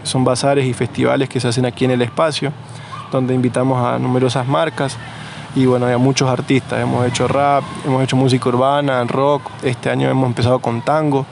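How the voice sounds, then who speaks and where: An Argentine man being interviewed outdoors, talking in a relaxed, rambling way with fillers and restarts. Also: mid-range voice, fairly quick, vocal fry, background noise. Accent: Argentine Spanish. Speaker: interviewee, nursery co-founder. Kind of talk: casual conversational interview.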